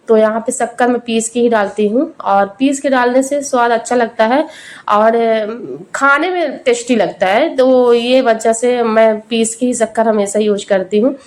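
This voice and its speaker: A woman's voice: a little high, a little mellow. A young adult woman chatting through a homemade cooking vlog, talking straight to her viewers. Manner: chatty and homely, addressing viewers directly. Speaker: cooking vlogger. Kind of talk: casual cooking vlog narration.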